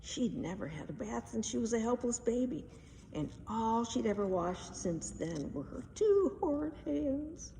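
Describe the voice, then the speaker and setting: With big swings in her fairly high pitch, a woman gives a dramatic, emphatic reading of a children's storybook. She sounds gravelly but mellow and never rushes. Faint noise and the echo of a large hall come through a far-off microphone.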